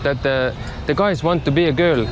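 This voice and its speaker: Street and traffic noise is clearly heard around a man with a fairly high voice. He chats casually as a vlogger in simple, putting blunt questions to people. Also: normal speed. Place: outdoors on streets.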